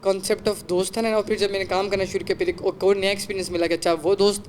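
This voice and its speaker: A man's voice: high-pitched, level tone, slight background noise. A young man hosting a podcast, telling a rambling story in casual chat and mixing English words into his speech. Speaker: podcast host.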